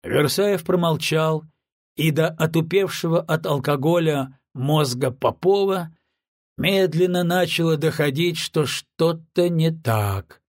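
A man narrating a novel in steady, scripted storytelling. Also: a little high, slow, dry recording, studio quality. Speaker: audiobook narrator.

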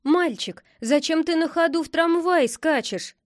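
A woman's voice: very high voice, measured pace, no room sound, clean studio sound, voice pushed up. A woman voicing an adult male street patrolman who lectures a boy in a reproachful manner, in a read-aloud storybook.

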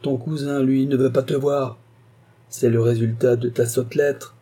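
A man voicing an irascible older uncle who shouts and bullies in a storybook reading. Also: mid-range voice, flat delivery, measured pace, voice pushed up, lightly acted. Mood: angry. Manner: shouting, bullying. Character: irascible elderly male uncle, blustering.

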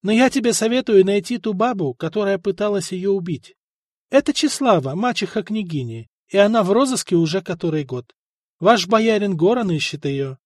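A man's voice: high-pitched, expressive, normal speed, dry recording, studio quality, pitched above the performer's own voice. A man voicing a cool, condescending imperial eunuch envoy in an audiobook. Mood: icy scorn. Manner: smooth, condescending, icy.

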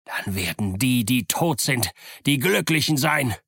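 A man voicing a cunning, blustering pirate leader on a crutch, loud and threatening, in an audiobook reading. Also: mid-range voice, lively intonation, measured pace, creaky, no room sound, studio quality, voice pushed up, heavily acted.

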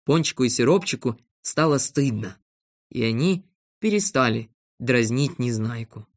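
A reader calmly narrating a children's storybook. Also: medium pitch, normal speed.

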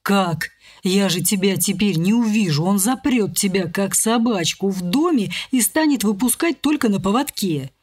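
A woman voicing a lovesick, frantic young man in an audiobook, speaking slowly and a little lower than her narration. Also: animated, a little mellow, husky. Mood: pleading.

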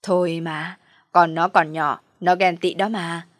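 A woman's voice: fairly low pitch, fairly even intonation, unhurried, no room sound, clean studio sound, lightly acted. A woman voicing a doting, indulgent old father who soothes and placates. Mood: soothing.

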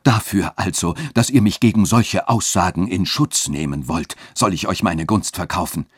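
A man reading a story aloud and voicing a proud young widow who speaks calmly, coldly and firmly. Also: deep voice, moderate pace, husky, no echo, clean studio sound. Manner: calm, cold and firm. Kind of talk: literary reading.

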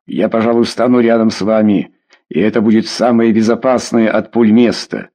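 A man's voice: fairly low pitch, level tone, normal speed, warm tone, natural voice. A man reading an audiobook voices a blustering old host who scolds his quarrelling guests. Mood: gruff. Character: old burly host, blustering but ashamed.

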